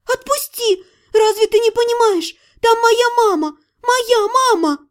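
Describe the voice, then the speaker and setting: A woman's voice: expressive, a little slow, warm tone. A woman voicing an emotional young mage heroine. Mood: desperate, crying. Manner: high, urgent and tearful.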